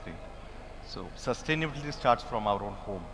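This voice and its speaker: A man's voice: mid-range voice, lively intonation, normal speed, noisy background. A man moderating a panel discussion, formal and announcing. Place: large expo hall. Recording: hall reverb, faint ambience.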